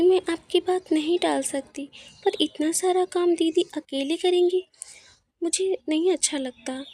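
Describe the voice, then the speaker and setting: A woman voicing a gentle devout young wife. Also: extremely high pitch, no echo, studio quality. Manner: polite, pleading.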